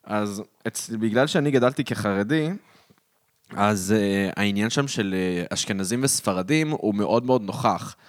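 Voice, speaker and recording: Low-voiced Israeli man chatting casually. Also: no echo, clean studio sound. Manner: colloquial, sprinkles English words into speech. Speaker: podcast co-host. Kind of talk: casual conversation.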